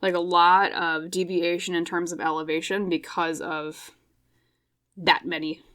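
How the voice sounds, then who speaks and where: This tarot reader, a woman, gives an intuitive reading into a microphone in a fairly low, level, unhurried voice with a slight brightness. She sounds a little hoarse and scratchy as she rambles reflectively, often checking in with tag questions like "okay?".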